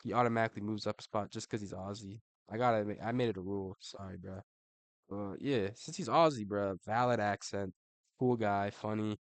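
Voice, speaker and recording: With a lowish, brisk voice and no room sound, a man offers online rankings of fighters. He is casual and slangy, swears, throws in "bro" all the time, and laughs between remarks.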